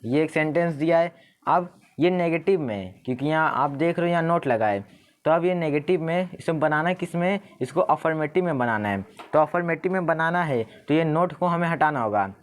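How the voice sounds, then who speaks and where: A young man teaching an exam paper, explaining each answer step by step and reading the sentences slowly. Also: a little high, expressive. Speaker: English tutor. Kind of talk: exam paper walkthrough lesson.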